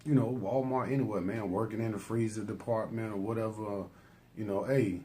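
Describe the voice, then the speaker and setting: A man's voice: fairly low pitch, steady tone, brisk, warm tone. A man vlogging in a casual motivational monologue, emphatic, laughing between points and filling his talk with "man" and "you know what I'm saying.". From United States. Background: music.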